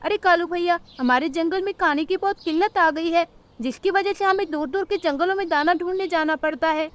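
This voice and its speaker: A woman's voice: very high voice, a little fast, fairly bright tone. Rano the sparrow, polite and pleading, voiced by a woman. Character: small honest polite female sparrow. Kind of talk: cartoon storytelling.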